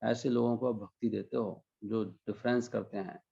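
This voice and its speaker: A man giving a devotional discourse, explaining scripture line by line and chanting Sanskrit verses slowly. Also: lowish voice, steady tone, gravelly, dark tone, slightly rough, highs cut off. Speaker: spiritual teacher.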